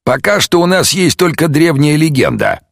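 A man's voice: fairly high pitch, huge pitch swings, moderate pace, gravelly, no echo, clean studio sound, voice pushed up, exaggerated voice. A man voicing a polite, composed Victorian detective in an audiobook. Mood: courteous. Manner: courteous, formal.

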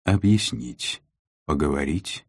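Calm commanding dark lord voiced by a man, male, deep voice, measured, dry recording. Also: gravelly, dry recording, heavily acted. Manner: weighty, unhurried, measured.

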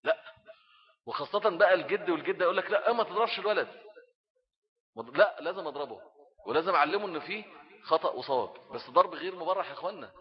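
A middle-aged man with an Egyptian Arabic accent giving a religious talk on raising children, animated and acting out little scenes as he speaks. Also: on the high side. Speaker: Islamic preacher. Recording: dull lo-fi recording.

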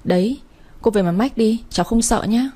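A woman's voice: a little high, moderate pace, mellow, husky. A woman voicing a defiant, hot-tempered teenage granddaughter who talks back sharply.

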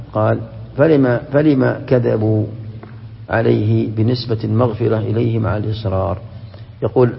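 A man, a sheikh giving a Quran commentary lesson, quick and emphatic, often breaking off and restarting words. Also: lowish voice, creaky. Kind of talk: classroom lecture with questions to students. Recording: dull, echoey lecture-hall recording.

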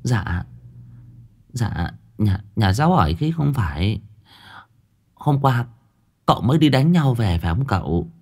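A man's voice: medium pitch, very animated, a little slow, pauses often, darkish tone, breathy edge, exaggerated voice. A man doing a timid pleading old woman.

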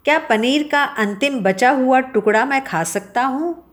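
A woman voicing a kind, gracious male king in a children's story, speaking gently and reassuringly. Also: medium pitch, animated, measured pace, close to an everyday voice. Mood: warm.

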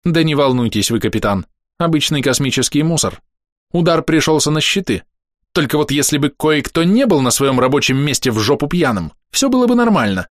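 A tough young female first officer bristles with indignation and speaks bluntly, as a man voices her. Her lines are pitched well above a plain reading voice. The sound is close and dry, with no room around it. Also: very animated, a little fast, dry recording. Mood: indignant. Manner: brash, indignant, coarse.

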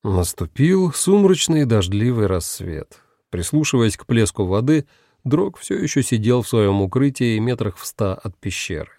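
A male narrator reads a science-fiction story with lively, animated intonation. His voice is gravelly and mellow, recorded dry and close. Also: mid-range voice, normal speed, no room sound. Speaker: audiobook narrator. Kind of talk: scripted narration.

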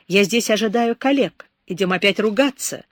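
A woman's voice: mid-range voice, normal speed, no room sound, lightly acted. A woman voicing a weary young male doctor who speaks in a wry, resigned way, read close to a dry microphone.

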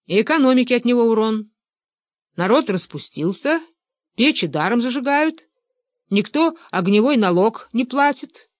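A woman voicing a gruff, bossy older male official who scolds his son-in-law in a storybook reading. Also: very high-pitched, animated, normal speed, no room sound. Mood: scolding. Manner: blustering, scolding.

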